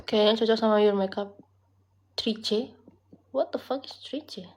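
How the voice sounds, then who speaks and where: Young adult woman streamer, relaxed, talkative, mid-range voice, mixes in English while reading comments. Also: medium pitch. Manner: chatty, code-switching with English, quick reactions to comments. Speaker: livestreamer reading chat comments. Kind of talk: casual live stream chat.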